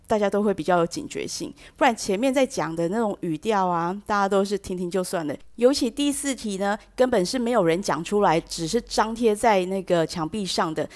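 A woman hosting a bilingual English lesson who explains patiently and drops English phrases into her talk. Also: medium pitch. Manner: acts out example sentences with shifting stress. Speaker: language teacher host.

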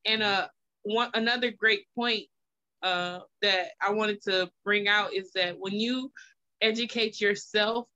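A woman in her thirties hosts a casual podcast chat and speaks in a reassuring, encouraging way. Her voice is bright and forward. The recording sounds a bit dull and lo-fi. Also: mid-range voice, fairly even intonation, a little slow. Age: 30s. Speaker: podcast host. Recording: slightly muffled lo-fi audio.

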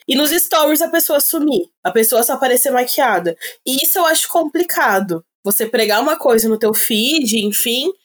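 Woman on a podcast, voice a bit high, chatty and quick in bursts. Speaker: podcast guest. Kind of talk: casual podcast conversation.

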